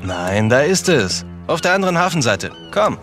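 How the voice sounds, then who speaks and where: A man's voice: fairly high pitch, very animated, moderate pace, fairly bright tone. An actor voicing a wry, easygoing male treasure hunter in a video game. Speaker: game character. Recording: game audio under music.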